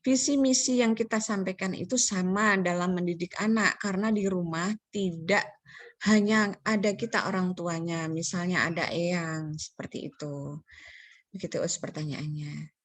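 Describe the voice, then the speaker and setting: A woman's voice: on the low side, fairly even intonation, normal speed, no room sound. A woman moderating an online parenting webinar, politely reading out audience questions with many hesitant fillers over a video call.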